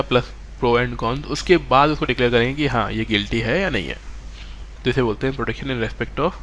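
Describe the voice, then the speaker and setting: A man's voice: mid-range voice, fairly bright tone, slight background noise. A man teaching a live online exam-prep class, mixing English terms into Hindi and often checking that students follow.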